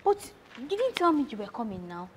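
A woman's voice: a little high, wildly swooping pitch, a little fast, background noise. A woman with a Nigerian accent playing a young girlfriend complaining about her visiting sister in a comedy skit. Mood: annoyed. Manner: annoyed, complaining.

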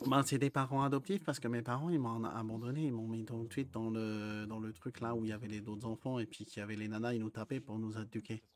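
A man's voice: on the low side, steady tone, fast talker, few pauses. A man in character as a naive, childlike gang member, stammering often in casual roleplay chat over a headset.

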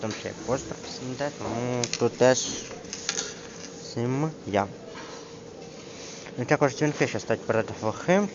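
A man coaching a single student through a grammar lesson, pausing often and drawing out each example word as he reads it aloud. His voice sits at an ordinary middle pitch. The recording sounds dull and lo-fi, with a steady hiss of noise behind him. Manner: hesitant, with many fillers, reads examples slowly. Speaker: tutor. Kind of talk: casual one-on-one grammar lesson. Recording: dull lo-fi screen recording with clear background noise.

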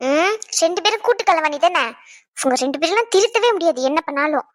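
A bossy young wife in a cartoon who scolds and teases without pause, as a woman voices her. Her voice is very high and sharp-tongued. The sound is close and dry. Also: expressive, no echo. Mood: scolding. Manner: scolding, teasing. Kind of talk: cartoon voice acting.

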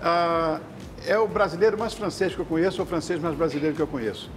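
A man's voice: fairly high pitch, quick pace, slight background noise. An older man hosting a morning TV talk show, effusive and jokey with his guests. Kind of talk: casual studio chat. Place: TV studio kitchen set.

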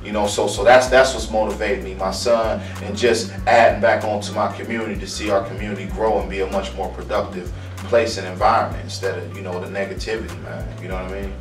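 A man in his thirties from Akron, Ohio, a barber answering interview questions in a calm, earnest way, often repeating words as he searches for them. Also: on the low side, quick pace, few pauses. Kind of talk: casual interview. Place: small room indoors. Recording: roomy, distant mic, faint music.

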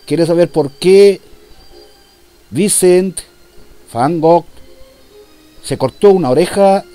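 A man's voice: on the high side, warm tone, no echo. A man performing a comic monologue as a police commissioner taking a phone call, in a mock-formal, polite manner.

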